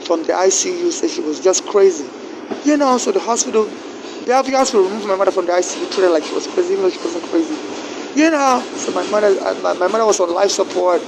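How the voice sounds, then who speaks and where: A Nigerian man with a Nigerian accent, not a native English speaker, gives a personal account haltingly, repeating words and starting over. His voice is high and gravelly, and the background is noisy.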